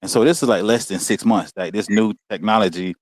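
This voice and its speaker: A man's voice: on the low side, fairly quick, dry recording. An American man telling a personal story as a podcast guest, in a casual, heartfelt way. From United States. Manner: informal, heartfelt, peppers speech with "man" and "you know what I'm saying".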